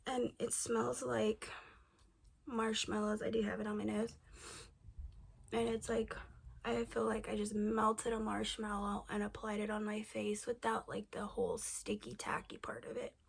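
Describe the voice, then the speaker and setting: A woman with a raspy smoker's voice giving a casual, chatty makeup tutorial, rambling informally to her viewers with slangy asides. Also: a little high, flat delivery, measured pace. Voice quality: raspy, husky voice with creaky smoker's rasp. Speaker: beauty vlogger. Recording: clear background noise.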